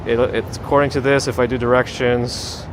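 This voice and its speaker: Guy walking around outside chatting to his stream, casual, really loud city noise behind him. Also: medium pitch, flat delivery, moderate pace. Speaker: live streamer, host. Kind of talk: casual chat with live stream viewers while walking. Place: outdoors, walking on city streets and a bridge. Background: traffic, vehicles, urban ambience.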